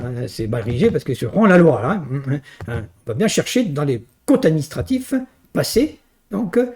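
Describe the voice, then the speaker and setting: With a slightly high voice and a dark tone, this male university lecturer works through technical finance material. He punctuates his emphatic, didactic explanations with frequent little tag questions.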